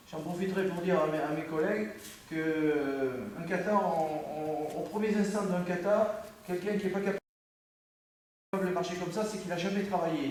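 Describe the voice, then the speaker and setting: Heard from a camera across an indoor judo dojo, this French-accented instructor sounds distant and heavily echoed. His voice sits high with a darkish tone, and a little hiss or hum runs underneath. He corrects his student on the mat, says things over again, and cuts himself off partway through phrases.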